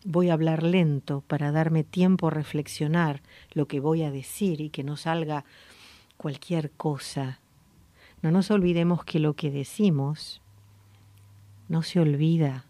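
A woman with a Rioplatense Spanish accent, hosting a radio voice lesson in a calm, slow, guiding way. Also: deep voice, no room sound. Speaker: voice coach and radio host. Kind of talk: gentle voice-coaching lesson. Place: radio studio.

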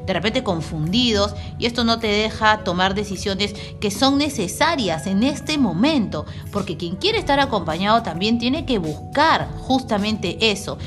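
A woman reading tarot cards for viewers, giving advice in a soothing way and slowing down to repeat key phrases. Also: medium pitch. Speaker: tarot reader. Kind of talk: daily tarot reading to camera.

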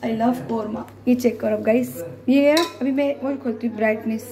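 Vlogger woman, high voice, playfully dramatic, home kitchen. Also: fairly even intonation, normal speed, crowd noise. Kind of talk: casual home cooking vlog. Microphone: phone camera.

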